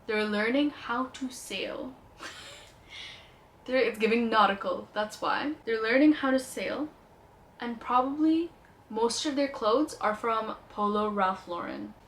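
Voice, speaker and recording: A young woman with a light Indian accent speaks slowly in a fairly high, slightly bright voice, with a little hiss or hum behind her. She's a beauty vlogger giving a casual perfume review, playful and enthusiastic throughout.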